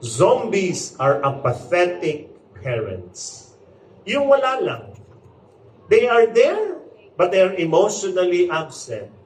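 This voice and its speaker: Man in his forties, motivational speaker, playful then earnest, higher voice, echoey hall heard from a distance. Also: wildly swooping pitch, takes it slowly. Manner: playful, acts out quotes, shifts from jokes to earnest. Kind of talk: inspirational stage talk with humor. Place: large hall before a live audience.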